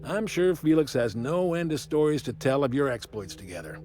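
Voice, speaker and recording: Casting: man as older pompous revolutionary for game dialogue, condescending speechmaker, clear music underneath. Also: medium pitch, big pitch swings, normal speed, darkish tone, close to an everyday voice. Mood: grand, persuasive. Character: grizzled old male revolutionary, condescending and grandiose.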